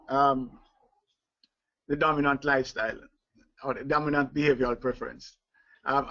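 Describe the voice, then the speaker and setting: A man's voice: fairly high pitch, a bit bright. A man leading a live online leadership training, talking with many fillers, restarts and chuckles. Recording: dull lo-fi webinar audio.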